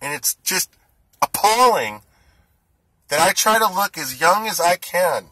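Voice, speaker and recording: A man's voice: high voice, animated, a little slow, bright, forceful tone, no echo, rough recording. Forties male, indignant ranting vlogger, tense edge, dry close sound. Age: 40s. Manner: indignant, ranting, rising heat. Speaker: food delivery driver. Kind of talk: angry monologue to camera.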